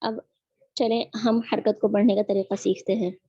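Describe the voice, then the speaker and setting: A woman teaching Quran recitation in an online lesson, drilling each sound slowly and patiently. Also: mid-range voice, flat delivery, warm tone, breathy edge, no echo, highs cut off.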